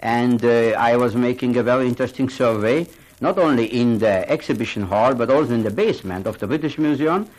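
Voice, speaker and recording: A man's voice: mid-range voice, fairly quick, low-quality recording. An older man from Hungary, speaking earnestly in as a gallery owner in a radio interview. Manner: animated, earnest, non-native phrasing. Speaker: art gallery owner and collector.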